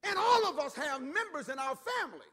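A male pastor preaching a sermon, swinging from low, intimate asides up to emphatic shouts, and repeating words as he builds his point. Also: very animated, a little fast, long reverb tail. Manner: repeats words and acts out quoted voices.

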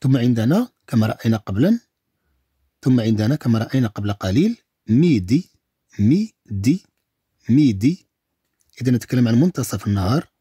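Teacher casting: Moroccan man, slow drilled syllables, lively pitch, husky and mellow, dry close sound. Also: no room sound. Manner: repeats each word slowly several times. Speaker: French teacher. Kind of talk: slow, syllable-by-syllable language lesson.

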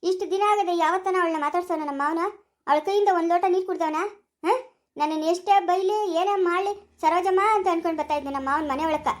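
A woman's voice: very high-pitched, quick pace. Woman voicing a defiant young daughter-in-law. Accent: rural Chikkaballapura Kannada. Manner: defiant, argumentative.

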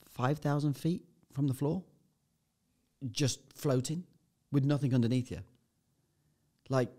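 A man's voice: mid-range voice, mellow. Man telling a story vividly. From United Kingdom. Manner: vivid storyteller, swears freely. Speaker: podcast guest. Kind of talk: casual chat, anecdote.

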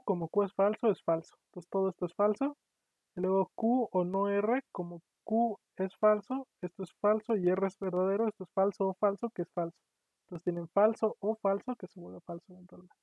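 A man's voice: sits high, no echo. A man giving an online programming lecture, explaining patiently and often checking in with his students. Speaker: university lecturer. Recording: tinny, dry, phone-like online class audio.

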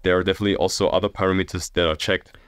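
Low-voiced engineer guest explaining. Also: male voice, level tone, very fast, fairly bright tone, clean tone, no echo, studio quality. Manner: explanatory, uses fillers like "yeah?". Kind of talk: interview.

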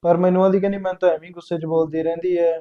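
An actor with a Punjabi accent playing a young husband who tries to calm both his sister and his wife. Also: high voice, racing, narrow, tinny audio, close to an everyday voice. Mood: placating. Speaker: actor in a family web drama.

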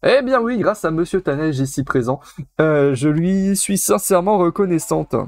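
A man's voice: a little high, lively intonation, moderate pace, darkish tone, no echo, studio quality. A man voicing a polite young princess of a forest tribe in a raised, formal voice, reading game dialogue with small hesitations. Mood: gracious. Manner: prim, formal, slightly hesitant.

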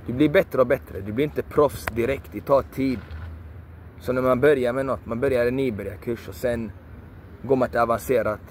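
A man preaching with fierce repetition, hammering the same words again and again with the odd curse thrown in. He speaks at a middling pitch, and faint traffic hums behind him outdoors. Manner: repetitive, emphatic, preachy, swears for emphasis. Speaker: video creator. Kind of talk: passionate motivational monologue.

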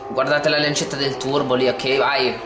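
A man commentating his racing game let's play, excitable and swearing often, talking over the game sounds. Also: medium pitch, normal speed, noisy background. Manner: says he talks oddly when excited on video. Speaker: gameplay video host. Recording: echoey room with loud game music.

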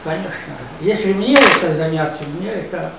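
An elderly man in his nineties speaks at a high pitch, pausing and restarting as he hunts for words. He is picked up from a distance in a reverberant office, with a clear hiss of noise behind him. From Russia. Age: 90s. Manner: hesitant, halting, searching for words. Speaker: veteran visitor at a reception. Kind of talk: formal reception conversation. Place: office reception room, indoors. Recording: echoey office room from afar, noisy.

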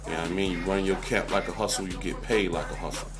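A man's voice: low voice, fairly even intonation, fast. A man giving emphatic, repetitive interview commentary in a small room. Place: small indoor room, seated on camera. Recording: loud music over the interview. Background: loud music.

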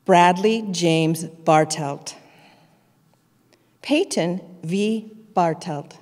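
A woman announcing graduates at a ceremony, reading each name slowly and carefully. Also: fairly low pitch, darkish tone. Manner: slow, careful, evenly paced name reading. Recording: long hall reverb.

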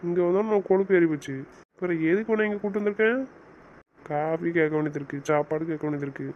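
A man's voice: on the high side, racing, lightly acted. Cast a man as a bossy, teasing young husband for an audio romance series, muffled home recording with faint hiss. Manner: teasing, scolding banter.

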